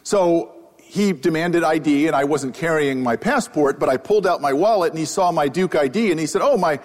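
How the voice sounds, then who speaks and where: On stage with a microphone on, a man with a fairly high voice speaks a little fast while giving a funny public lecture as an economist. He tells a self-deprecating story in a wry, anecdotal way, and the live recording has long hall reverb.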